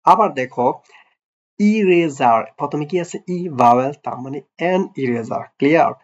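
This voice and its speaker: A man teaching a grammar lesson to young pupils, often asking "clear?" and quizzing them with playful, affectionate words. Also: on the high side, animated, normal speed. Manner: repeats "clear?" and quizzes the listener; affectionate, teasing address to pupils. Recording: dull lo-fi recording.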